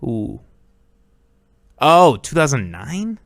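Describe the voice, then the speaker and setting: A man's voice: medium pitch, sing-song, drawn-out words, vocal fry, dry recording, studio quality. A young man hosting a solo podcast, rambling casually with lots of swearing and laughter. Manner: rambling, profane, laughs often. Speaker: podcast host.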